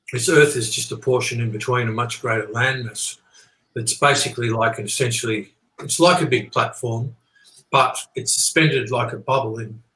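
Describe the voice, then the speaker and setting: With a mid-pitched voice that's bright and forceful, a man speaks as an interview guest in an echoing room. His explanation wanders earnestly, returning to his points and confirming the listener is with him.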